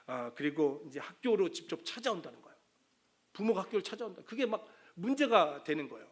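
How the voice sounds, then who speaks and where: A man's voice: high-pitched, big pitch swings, fast, slightly rough. A middle-aged man preaching a sermon as pastor, talking conversationally and acting out the words of parents and children.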